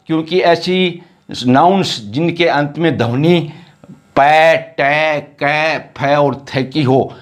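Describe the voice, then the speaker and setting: A man teaching a grammar lesson, repeating words and sounds one by one. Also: a little high.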